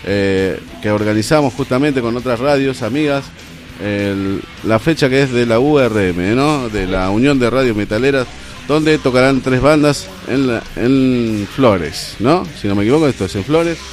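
Relaxed Rioplatense man hosting radio. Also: mid-range voice, moderate pace, faint music behind. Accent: Rioplatense Spanish. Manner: relaxed, announcing show details with fillers. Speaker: radio show host. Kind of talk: casual radio chat. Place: radio studio.

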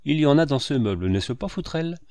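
A man's voice: on the high side, expressive, fairly quick, a little mellow, dry recording, studio quality, voice pushed up. A man reading the part of an eager young woman.

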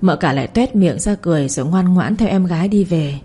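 A woman narrates a serialized family drama in an even storytelling read. Her voice is mellow and dark, with a husky edge. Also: on the low side, brisk.

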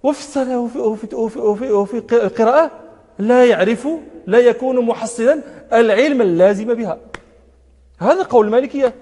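High-voiced sheikh in a reverberant hall. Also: male voice, fairly quick, dark tone. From Morocco. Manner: emphatic, repeats words for stress, chants verse quotations. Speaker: sheikh teaching hadith commentary. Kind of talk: religious lesson.

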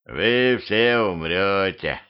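A man voicing a talking male corpse who drones slow, ominous warnings in a self-made audiobook. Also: deep voice, expressive, smooth, exaggerated voice. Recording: dull lo-fi home recording.

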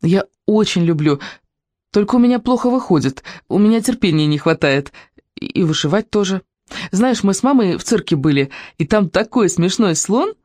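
A reader voicing Lyusya, a lively, impulsive young girl in an audiobook who exclaims and jumps from topic to topic. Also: mid-range voice, moderate pace, no echo, voice pushed up, close to an everyday voice. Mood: chattering. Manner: excited, exclaiming, jumping between topics. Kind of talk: audiobook character reading.

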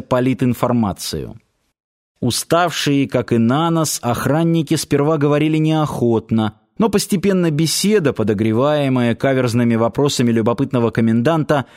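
A man reading an audiobook aloud in a steady, measured way. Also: medium pitch. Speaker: narrator.

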